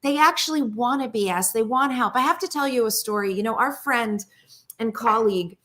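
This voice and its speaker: A woman's voice: a little high, a little fast, a bit bright. A woman speaking as a guest expert on a talk show, earnest and telling a story, often repeating words as she restarts. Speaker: guest psychologist.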